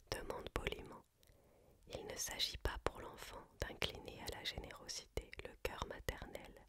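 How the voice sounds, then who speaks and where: A reader speaks entirely in a hushed library whisper. The delivery is very slow and measured, phrase by phrase, in the manner of an ASMR book reading. The voice stays unvoiced throughout.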